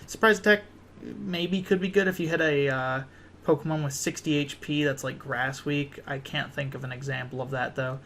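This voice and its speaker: Tired young man with a gravelly voice. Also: mid-range voice, steady tone, normal speed, a bit bright, a little hiss or hum. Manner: rambling, full of ums and restarts. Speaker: card game deck reviewer. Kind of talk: casual deck walkthrough.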